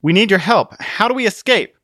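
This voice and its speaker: A man's voice: high voice, animated, fairly quick, bright, forceful tone, dry recording, studio quality, pitched above the performer's own voice. A man voicing an earnest young hero who speaks urgently.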